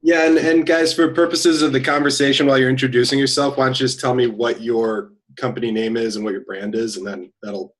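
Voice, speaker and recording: A man's voice: medium pitch, steady tone, fairly quick, few pauses. A man who is an attorney leading a small workshop in a loose, chatty way. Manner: loose, chatty, frequent restarts. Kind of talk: casual workshop talk.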